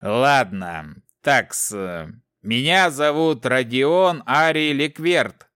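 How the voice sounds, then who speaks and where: Voicing a scornful, bullying male sylph elder who commands and interrupts his recruits, a man performs this audiobook character with contempt and menace. His mid-range voice is animated yet extremely slow, a bit bright, clear and resonant. The recording is dry.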